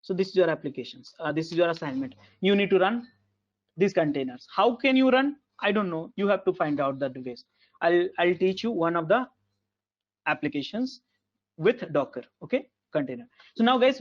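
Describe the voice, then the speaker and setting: High-voiced man, low sample rate. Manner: repetitive, halting, many fillers. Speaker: instructor. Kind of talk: online class lecture. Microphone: video call. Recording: dull lo-fi call audio.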